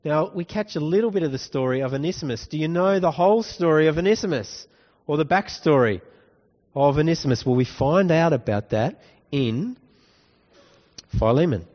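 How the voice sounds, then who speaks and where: A man's voice: fairly high pitch, animated, normal speed. A male pastor giving a conversational sermon, often asking the congregation questions. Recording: dull recording with long hall reverb.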